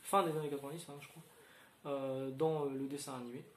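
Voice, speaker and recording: A man's voice: medium pitch, little pitch movement, brisk, a little hiss or hum. A man in his thirties chatting casually about upcoming comic releases, rambling with lots of fillers and restarts and giving frank opinions. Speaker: comics video host. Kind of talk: casual chat. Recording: echoey room.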